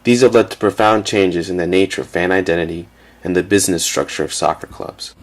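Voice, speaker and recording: A man giving a measured, factual scripted narration for a documentary. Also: low-pitched, steady tone.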